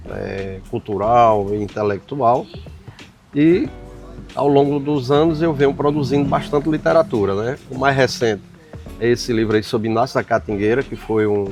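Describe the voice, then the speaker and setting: An older man from the Paraíba backlands, an author answering interview questions reflectively, often pausing on "né". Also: mid-range voice, gravelly, a little mellow. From Paraíba sertão, Brazil. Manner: reflective, frequent "né" tags and pauses.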